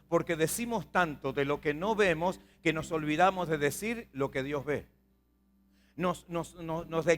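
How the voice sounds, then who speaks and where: A pastor with a Rioplatense Spanish accent preaches a sermon to his congregation, speaking conversationally and repetitively and putting questions to his listeners. His voice is on the high side and a bit bright.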